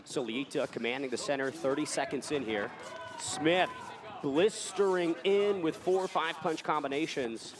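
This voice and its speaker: A man's voice: a little high, measured pace. A man giving polished live play-by-play commentary on a cage fight broadcast.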